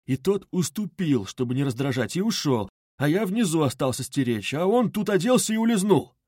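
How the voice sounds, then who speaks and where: A man voicing a tipsy young man, loud, blustering and drunkenly emphatic. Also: fairly high pitch, big pitch swings, brisk, breathy edge, no echo, clean studio sound. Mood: urgent. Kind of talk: audiobook character reading.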